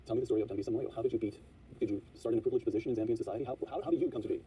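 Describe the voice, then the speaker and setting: A man's voice: mid-range voice, racing, warm tone, recorded from a distance, a little hiss or hum. A man hosting an interview, asking probing questions, reading quotations aloud and cutting in often. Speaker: interview host.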